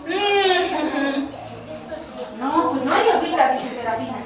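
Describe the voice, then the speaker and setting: A woman telling a story to children with a puppet, in a gentle, playful, drawn-out way. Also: high-pitched, lively intonation. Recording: echoey, distant, noisy room.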